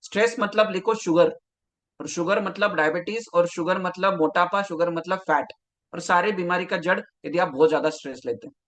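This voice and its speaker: A male health coach runs a live online class, speaking straight to his viewers and calling out their names from the chat. His voice sits high and sounds bright and forceful. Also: a little fast.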